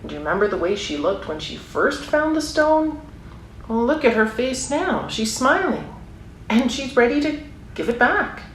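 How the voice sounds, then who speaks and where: A slightly high-voiced woman reads aloud from a picture book for young children at a moderate pace, her pitch swinging widely. Encouraging, talkative asides and questions to the listeners fill the reading, which is recorded with room echo and clear background noise.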